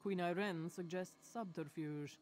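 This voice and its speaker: A woman playing a calm, sly cat-creature scout in a fantasy game, speaking in measured, formal phrases. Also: on the low side, over music, natural voice. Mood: calm, scheming. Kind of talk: scripted fantasy game dialogue.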